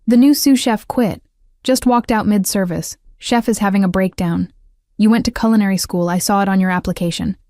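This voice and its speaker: A woman's voice: mid-range voice, mellow, no room sound, close to an everyday voice. Brief: brusque male floor manager, urgent clipped orders, read by a woman narrator, dry storybook delivery. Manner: pushy, rapid, clipped orders.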